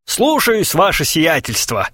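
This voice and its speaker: A man's voice: on the high side, huge pitch swings, slow pace, pushed and bright, breathy edge, no room sound, studio quality, pitched above the performer's own voice, exaggerated voice. Guy doing a cheeky newsboy hawker, bouncy voice. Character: cheeky street newspaper seller, male.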